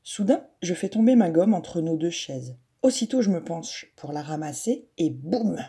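A woman narrating a children's storybook softly and gently. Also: fairly low pitch, sing-song, normal speed, slightly rough.

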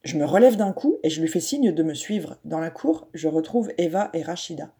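A woman narrating a children's storybook softly and gently. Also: deep voice, animated, moderate pace, husky.

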